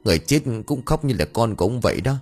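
A man's voice: medium pitch, sing-song, fast talker, a little mellow, faint music behind. A man voicing a dim-witted young village man muttering gossip to his friend. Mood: surprised.

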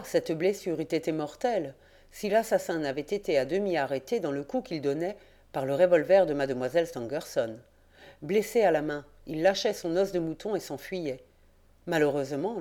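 Composed gentleman, measured and explanatory, read by a woman, audiobook. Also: low voice, natural voice. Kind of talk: audiobook character reading.

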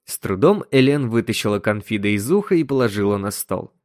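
A man narrating a short story in an expressive reading. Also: fairly low pitch, fairly quick, no room sound, studio quality.

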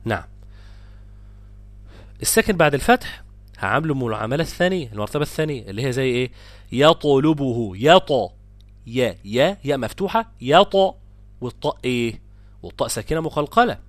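A man with an Egyptian accent teaching a tajweed lesson. He explains each rule briskly and then stretches out the example words slowly. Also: mid-range voice, sing-song, dry recording. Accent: Egyptian Arabic. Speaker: Quran recitation teacher.

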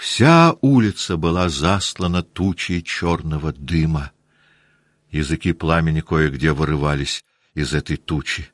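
A man narrating a classic novel in a steady, measured reading. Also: extremely low pitch, no room sound, clean studio sound. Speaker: audiobook narrator.

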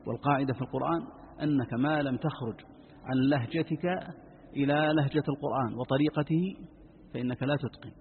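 Man, sheikh teaching recitation, rapid talk, gravelly voice, phone-like sound with long reverb. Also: medium pitch, fairly even intonation, a little hiss or hum. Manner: explanatory, quick asides to students. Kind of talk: lesson commentary on a text.

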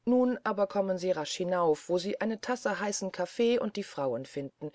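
A woman's voice: medium pitch, animated, normal speed, a little mellow, no echo, lightly acted. A woman reading the lines of a hearty, portly older male government official who fusses over his guest in a jovial way. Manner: jovial, fussing host.

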